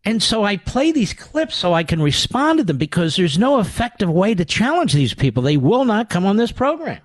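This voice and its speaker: A talk radio host rants with sarcastic indignation. His voice sits high for a man and swings widely in pitch. The studio sound is dry and close. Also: sing-song, moderate pace, no room sound. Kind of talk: combative political talk radio monologue.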